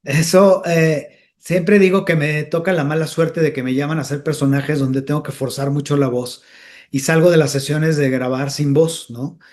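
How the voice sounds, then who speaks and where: A man chats as a guest in a relaxed interview. He tells stories with lively energy and now and then dips into character voices. His voice sits a touch higher than most men's. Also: normal speed. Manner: animated storyteller who slips into character voices. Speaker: comedian and voice actor, guest. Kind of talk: casual interview chat.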